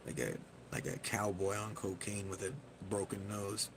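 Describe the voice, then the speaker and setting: This livestream host has a lowish, fry-tinged voice and a moderate pace as he rambles in a loose, self-deprecating way. His low-quality recording has a constant hiss underneath.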